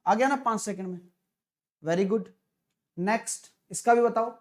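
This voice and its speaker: A man teaching a live online maths class for exam prep, chatty and coaxing, constantly quizzing his students with quick questions. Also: sits high, a little mellow.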